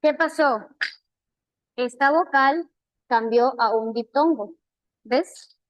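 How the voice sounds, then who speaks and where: A woman with a Peruvian Spanish accent teaching an online language class, patiently repeating key terms slowly. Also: sits high, no room sound, rough recording.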